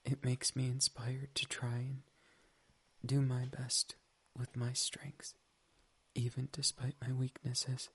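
A soft, intimate whisper right up against the mic, airy and almost voiceless, with small mouth clicks in the quiet gaps. The speaker stays on a flat, level line, affectionate and gently teasing, as in an ASMR roleplay of a doting partner. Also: mid-range voice, takes it slowly, breathy edge.

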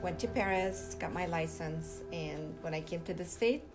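Woman from Lebanon, esthetician, somewhat low voice, measured, music behind. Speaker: esthetician, spa co-owner. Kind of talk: casual interview answers.

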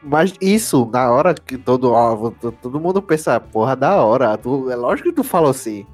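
A young man, telling self-mocking anecdotes in halting, slangy casual talk. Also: mid-range voice, lively intonation, darkish tone, soft background music.

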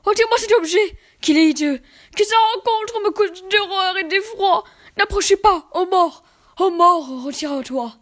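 A woman's voice: very high-pitched, measured pace, voice pushed up. Woman putting on a shrieking wretched man begging death. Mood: horrified. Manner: frantic, pleading outbursts.

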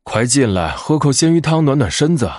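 A man voicing a warm-hearted, inviting male polar bear in a storybook. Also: medium pitch, big pitch swings, brisk, dry recording, clean studio sound, lightly acted. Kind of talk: storybook character voice.

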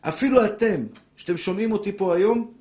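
Older preacher man, fiery and direct. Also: high voice. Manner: animated preaching, addresses listeners as brothers. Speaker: rabbi giving a Torah class. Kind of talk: sermon.

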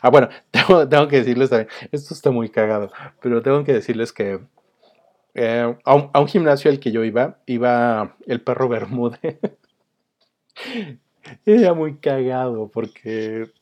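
Mexican male host, mid-pitched, loose rambling delivery with frequent chuckles, recorded at home. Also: a little mellow. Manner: rambling, chuckles often, many fillers. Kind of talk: casual monologue. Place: home, with a dog nearby.

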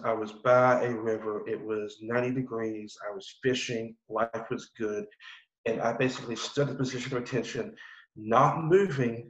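Earnest man telling a story, roomy sound. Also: medium pitch. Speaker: guest, army veteran. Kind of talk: storytelling in a podcast interview. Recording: roomy, dull audio.

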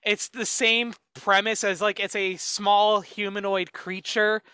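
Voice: medium pitch, flat delivery, pushed and bright, smooth, dry recording. A podcast co-host in casual chat who rambles with lots of "like" and laughs easily. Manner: rambling, full of "like", quick to laugh.

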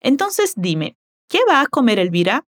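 A woman whose first language is Portuguese teaching a Spanish lesson, slowly modeling words and phrases for the listener to repeat. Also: fairly high pitch, very animated. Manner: slow, careful modeling of words.

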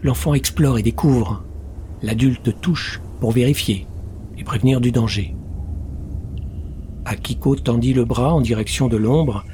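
Man, audiobook narration, measured, middle pitch, faint background hiss. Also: mellow. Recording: roomy long reverb, faint noise.

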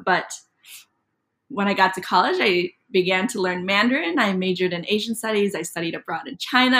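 A young woman from Minnesota who teaches middle school talks about her life in a relaxed, chatty way. She fills her sentences with ums and likes, and her voice sits at a middle pitch. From Minnesota, USA. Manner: chatty, many ums and likes, laughs easily. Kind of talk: interview guest.

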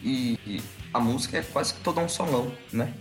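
A man's voice: medium pitch, brisk, faint music behind. A man co-hosting a podcast, chatting casually and slangily about songs. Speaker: podcast co-host. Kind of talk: casual chat.

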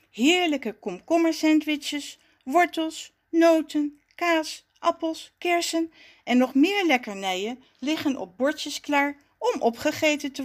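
A woman narrating a children's story in an expressive storybook manner. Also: sits high.

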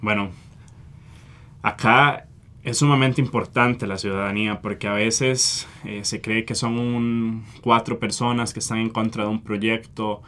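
Earnest Costa Rican man, lowish voice. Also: steady tone, unhurried, fairly bright tone. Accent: Costa Rican Spanish. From Costa Rica. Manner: earnest, hesitant with frequent fillers. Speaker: environmental activist guest. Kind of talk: interview answers.

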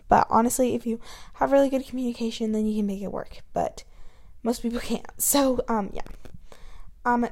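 A teenage girl rambles casually on her own solo podcast, using lots of fillers, recorded in her bedroom with a mic close to her chin. Her voice is on the high side and a little mellow.

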